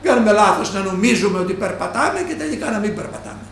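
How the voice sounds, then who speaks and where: A man preaching a sermon who slows down and stresses each quoted line of scripture. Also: sits high, animated, a bit bright, a little hiss or hum. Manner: slow, stressed quoting of scripture. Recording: echoey room.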